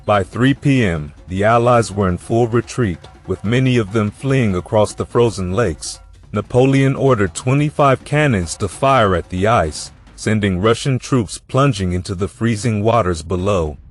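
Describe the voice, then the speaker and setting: A man reading a scripted history narration in an even, measured storytelling way. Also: on the low side, faint music behind. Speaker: documentary narrator.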